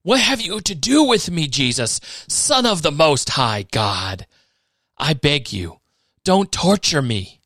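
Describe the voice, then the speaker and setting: A man reading scripture gives voice to a tormented, demon-possessed man who cries out and begs not to be hurt. The voice is raised and pleading, pitched a little high, and recorded close and dry. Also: big pitch swings, takes it slowly, pushed and bright, dry recording, heavily acted. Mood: anguished.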